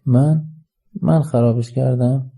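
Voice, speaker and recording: A man voicing a lovesick, impulsive young man who declares his feelings loudly, read in an audiobook story. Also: medium pitch, steady tone, gravelly, slightly rough. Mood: defensive. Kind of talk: audiobook character reading.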